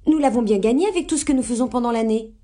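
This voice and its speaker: A woman's voice: fairly high pitch, warm tone, voice pushed up, natural voice. Brash tomboy teen girl, as a woman reads her. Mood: indignant. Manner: brash, indignant, quick. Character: impetuous tomboyish teenage girl.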